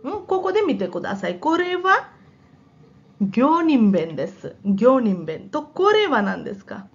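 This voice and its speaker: A woman's voice: high-pitched, sing-song, a little slow, dull audio. A woman teaching, explaining answers in mixed with Japanese and often checking that her students follow. She has a sore throat. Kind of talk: exam practice lesson.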